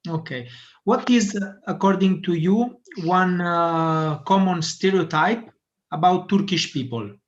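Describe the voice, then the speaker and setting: A man with a high, unhurried voice moderates an online meeting, politely calling on each participant in turn with brief prompts. The video call audio is dull and lo-fi.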